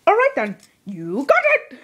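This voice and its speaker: Woman putting on a high, cheeky little leprechaun. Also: a little slow, slightly rough, full character voice. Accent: Irish. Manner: leprechaun-like, high, excitable sing-song delivery. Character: small leprechaun-like Irish wish-granting trickster creature, cheeky.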